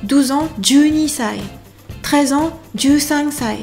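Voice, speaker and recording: A woman giving an online language lesson, upbeat and chatty, slowly and carefully repeating examples. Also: sits high, a little mellow, faint music behind. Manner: slow, careful repetition of examples. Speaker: language teacher.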